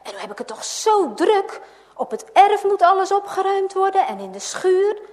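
A woman's voice: very high-pitched, sing-song, moderate pace, darkish tone, pitched above the performer's own voice. A woman doing a cheery busy farmer. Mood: brisk. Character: busy, cheerful middle-aged male farmer. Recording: long hall reverb.

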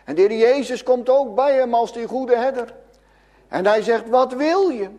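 A man preaching a sermon to children and adults, swinging between loud calls and hushed lines. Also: very high-pitched, normal speed, long reverb tail.

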